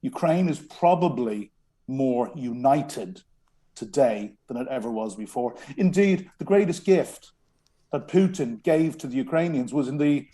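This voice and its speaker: Speaking earnestly as a radio interview guest, a former strategic communications advisor with a Dublin Irish accent has a warm, animated mid-range voice and a measured pace. He hesitates a lot and frequently restarts his thoughts.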